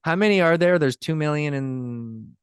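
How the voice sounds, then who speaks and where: A man co-hosting a podcast in casual chat, talking in an animated, emphatic way and repeating words when he gets excited. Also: a little high, normal speed, smooth, no room sound, studio quality. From Canada. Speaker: podcast co-host. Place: podcast studio.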